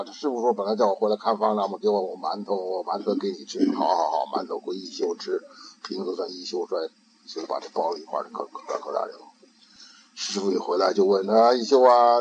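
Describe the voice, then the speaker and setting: An older man and grandfather giving an informal Buddhist talk, slow and halting, often repeating words while he searches for them. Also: sits low, a little mellow, muffled recording, slight background noise.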